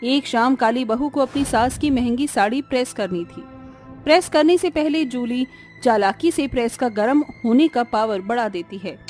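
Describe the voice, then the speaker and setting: A woman reading scripted narration for a cartoon story in an even, plain manner. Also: a little high.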